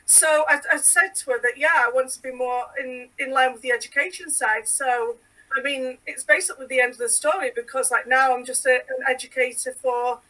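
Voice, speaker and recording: A chatty woman from the United Kingdom with a high, bright voice, speaking as a guest on a podcast. She keeps dropping "like" between her words. She sits a little back from the mic, so she sounds slightly distant. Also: steady tone, a little fast. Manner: chatty, full of "like" fillers. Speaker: podcast guest, sewing educator. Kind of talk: casual chat.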